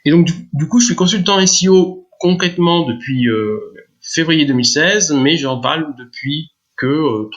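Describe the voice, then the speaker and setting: A man's voice: fairly high pitch, normal speed. Man explaining with fillers, muffled sound. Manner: explanatory, many fillers and restarts. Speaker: guest, SEO consultant. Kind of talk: casual podcast interview.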